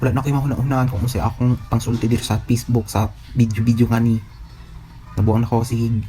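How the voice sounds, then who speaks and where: A man's voice: medium pitch, flat delivery, fast talker, warm tone, faint music behind. Giggly, joking man vlogging. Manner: joking, giggly, self-mocking. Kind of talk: playful grocery vlog narration. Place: indoors at a grocery store.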